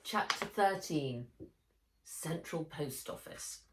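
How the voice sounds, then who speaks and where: This woman sits low in pitch yet sounds fairly bright, speaking slowly and with animation as she reads her own children's adventure book aloud, dramatically and expressively. There's a little hiss or hum, and the room echoes.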